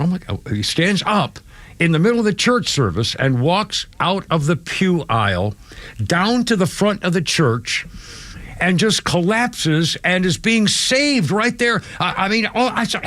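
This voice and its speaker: An older New England man hosts a radio talk show from a studio, his voice sitting high with a fairly bright tone and no echo on the studio microphone. He rambles through stories in casual radio talk, with many restarts and laughs.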